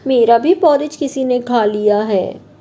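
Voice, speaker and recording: A woman voicing a tiny, innocent baby bear in a children's storybook reading, with a small, soft, sweet voice. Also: a little high, measured pace, lightly acted. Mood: plaintive.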